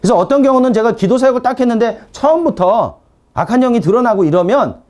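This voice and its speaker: A male preacher with a high voice that leaps around as he talks. He tells animated stories from his ministry and acts out his commands, then drops to a low, quiet, firm tone when he orders spirits to stop. The sermon is lively and conversational. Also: fast talker. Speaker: pastor teaching deliverance ministry.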